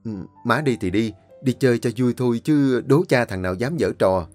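A man's voice: medium pitch, expressive, normal speed, darkish tone, soft background music, close to an everyday voice. A man voicing a scheming man who sweet-talks his mother-in-law. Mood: sly. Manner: sweet-talking, snapping when crossed.

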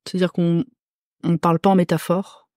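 A woman from Corsica, a podcast guest who reads runes, talking casually with many hesitant pauses. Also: fairly low pitch, flat delivery, a little mellow, no room sound, clean studio sound. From Corsica, France. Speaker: podcast guest, rune reader. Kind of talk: casual chat.

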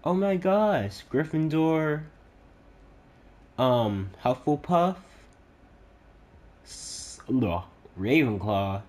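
A man giving casual let's-play commentary, excitable and chatty, reading game text aloud haltingly. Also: on the high side. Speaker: gaming YouTuber.

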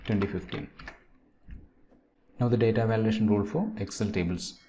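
Low, mellow man dictating tutorial steps. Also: brisk. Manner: dictating steps in short, separated phrases. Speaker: software tutorial presenter. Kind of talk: step-by-step screen tutorial narration. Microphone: voice-over on a screen recording. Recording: noisy, with keyboard and mouse clicks.

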